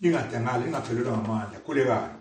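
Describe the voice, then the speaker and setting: A man's voice: medium pitch, rapid-fire, a little mellow. A man with a Zulu accent preaching a sermon, exhorting and repeating phrases for emphasis. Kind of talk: sermon, repeating a scripture reader and expounding. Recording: very echoey room, far from mic.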